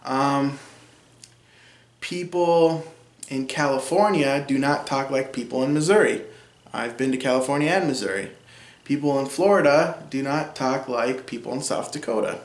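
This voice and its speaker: A man's voice: medium pitch, normal speed. A young man in his twenties with a Minnesotan accent, casually teaching about linguistics, chatty with frequent ums. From central Minnesota. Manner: chatty, frequent ums, laughs at own remarks. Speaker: linguistics video host. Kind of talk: casual educational talk. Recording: echoey room.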